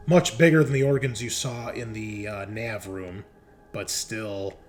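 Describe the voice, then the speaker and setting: With soft music playing in the background, a man improvises narration as the game master of a tabletop roleplaying game. His voice is on the low side and his tone stays steady, though he talks conversationally and often pauses partway through sentences to think.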